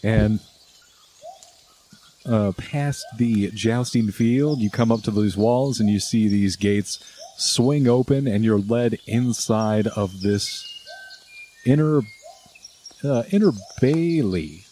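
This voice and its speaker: A man narrating a tabletop game as game master, describing scenes in a relaxed way with pauses and fillers. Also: on the low side, slight background noise.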